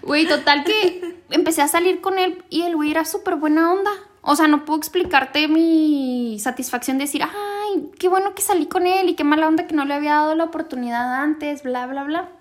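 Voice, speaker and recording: A woman with a Mexican accent, co-hosting a podcast, telling stories in an expressive, slangy, jokey way. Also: high-pitched, brisk. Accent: Mexican Spanish. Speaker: podcast co-host. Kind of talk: casual storytelling chat.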